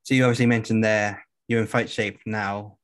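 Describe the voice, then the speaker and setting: A man hosting a podcast, asking a fighter interview questions in a calm, measured way. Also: on the low side.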